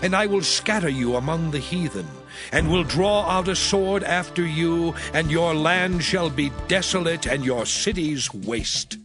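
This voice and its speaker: A stern God of the Old Testament, acted by a man, speaks over prominent music. The voice sits a little high and delivers scripture as solemn, measured declamation, a lawgiver pronouncing judgment in an audio drama. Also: close to an everyday voice. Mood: stern, wrathful.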